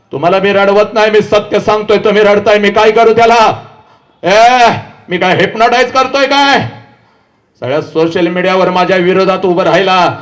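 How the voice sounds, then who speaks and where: A man giving a fiery motivational lecture on stage, shouting and scolding the crowd and repeating commands to them. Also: high voice. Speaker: motivational public speaker. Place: large event before a seated audience.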